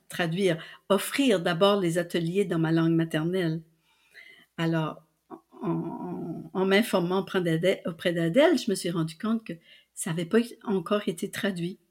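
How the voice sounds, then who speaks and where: As a guest in a relaxed interview, an older publisher and translator tells her story in a low-ish, darkish voice. Her Canadian French accent comes from New Brunswick, and her speech is full of fillers and restarts.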